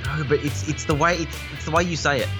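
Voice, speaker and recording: A man's voice: a little high, fairly even intonation, quick pace, over music. An Australian man, a vlogger, co-hosting a casual chat with a joking, dry humour and easy laughter. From Australia (Tasmania). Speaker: vlogger and co-host.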